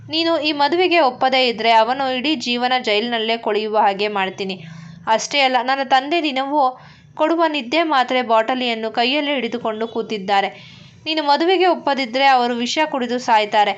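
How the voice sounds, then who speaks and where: A woman doing a cruel young man yelling threats, loud and scornful, storybook voice, dull lo-fi sound. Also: sits high, natural voice.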